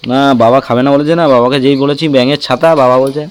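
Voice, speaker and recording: A man, chatting to camera and family in a casual outdoor village vlog. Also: medium pitch. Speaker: family vlogger.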